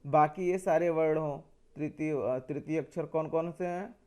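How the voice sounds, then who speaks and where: A man's voice: on the high side, moderate pace, warm tone, clear, resonant tone. A man teaching a grammar lesson, explaining step by step, asking questions and answering them himself, and repeating key points.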